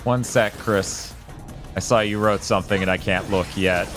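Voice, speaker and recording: A man's voice: lowish voice, steady tone, moderate pace. A man casually commentating his gameplay with joking, playful asides. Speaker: streamer. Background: game music.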